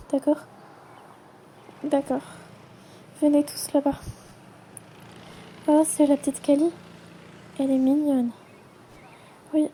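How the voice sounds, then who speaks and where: A woman acting out a playful toy role-play, switching quickly between many characters in chatty everyday dialogue. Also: sits high, mellow, slight background noise. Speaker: channel creator voicing every character.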